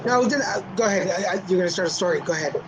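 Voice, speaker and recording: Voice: mid-range voice, lively intonation, racing, background noise. An interviewer giving brief, encouraging replies in a casual interview. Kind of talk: casual interview over a call.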